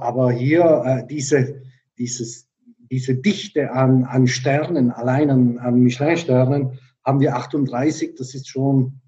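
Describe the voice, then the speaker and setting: A man's voice: mid-range voice, warm tone, muffled recording. A middle-aged man from South Tyrol, a podcast guest explaining things in a thoughtful way with many fillers and restarts. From South Tyrol, Italy. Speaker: tourism director, podcast guest. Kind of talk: conversational interview answers.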